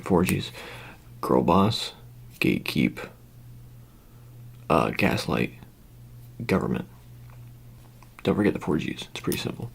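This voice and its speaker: In a whispered ASMR roleplay of improvised personal attention, a performer plays a secretive, reassuring handler who preps the listener, murmuring instructions in a hesitant, rambling way. The voice is very deep and creaky with a breathy edge.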